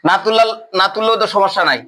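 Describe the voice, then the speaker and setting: A man's voice: high-pitched, quick pace, pushed and bright, a little hiss or hum, poor audio. A man teaching English grammar in a classroom lecture. He spells words out letter by letter and keeps checking whether the class follows.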